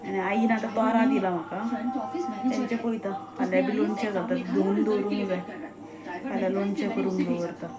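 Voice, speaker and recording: A woman's voice: mid-range voice, level tone, moderate pace, loud music behind the voice. A woman with a Goan Konkani accent, chatting to viewers about her day and family in a homely vlog. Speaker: vlogger, mother. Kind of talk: casual chat to camera.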